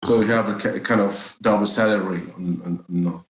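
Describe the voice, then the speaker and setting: In a casual podcast interview, a jazz bass player from Cameroon recounts his story at normal speed, his voice on the low side and steady. He laughs frequently and fills pauses as he hesitates, with the audio sounding echoey.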